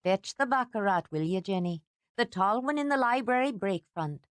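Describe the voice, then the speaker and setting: With a commanding mood, a woman reading a storybook plays a bossy older housekeeper whose brisk, fiercely fond scolding rises sharply in pitch once she's worked up, her voice lively throughout. There's no room sound, the audio is dry and close, and the delivery stays near an everyday voice.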